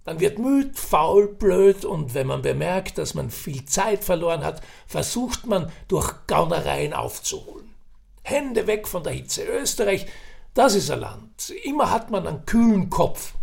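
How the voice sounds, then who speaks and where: A man's voice: high-pitched, big pitch swings, measured pace, vocal fry, a little mellow, voice pushed up, full character voice. A man voicing an older, chatty and scheming businessman in an audiobook reading. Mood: lecturing. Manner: persuasive, wheedling, talkative.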